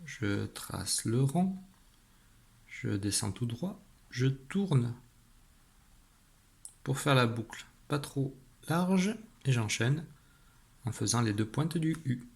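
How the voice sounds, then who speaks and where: A man teaching a young pupil a spelling rule in an online lesson, patient and clear, slowing down as he demonstrates. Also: medium pitch, animated, darkish tone. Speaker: primary school teacher.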